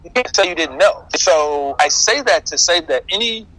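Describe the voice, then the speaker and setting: Bright-voiced American man, forceful delivery. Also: fairly high pitch, lively intonation, normal speed, no room sound, low-quality recording. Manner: emphatic, informal, asserting with rhetorical questions. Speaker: podcast host. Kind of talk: opinionated political monologue, conversational.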